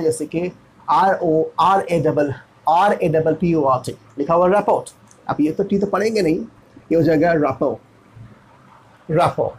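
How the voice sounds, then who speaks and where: A man's voice: a little high, a little mellow, husky, poor audio. A man from India teaching pronunciation, repeating each word and spelling it out letter by letter. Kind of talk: classroom pronunciation lesson.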